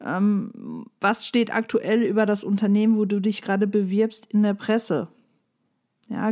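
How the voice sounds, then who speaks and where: Woman, application coach, mellow voice, direct and lively delivery. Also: mid-range voice. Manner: direct, lively, addresses listener as du. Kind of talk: coaching monologue with tips.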